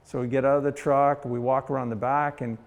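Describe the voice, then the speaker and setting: A man's voice: mid-range voice, flat delivery, brisk. A middle-aged Canadian man giving a casual guided tour of his collection, telling stories in a folksy way and acting out the people he quotes. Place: heritage centre exhibit hall.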